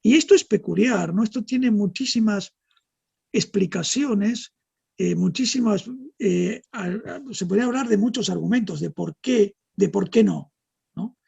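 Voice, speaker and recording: A middle-aged man from Argentina with an Argentine accent softened by years in Spain, explaining things in a measured way and often adding tag questions as an interview guest. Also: high-pitched, gravelly, slightly rough. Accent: Argentine, softened by decades in Spain. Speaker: guest neurologist. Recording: dull, muffled audio.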